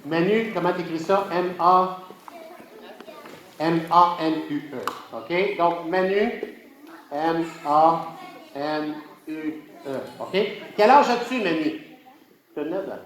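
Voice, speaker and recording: A children's party magician with a Quebec French accent delivers playful, teasing magic show patter, coaxing the kids along with short questions. His voice is fairly high and fairly bright, slow, with long pauses, and the room is echoey with audible background noise.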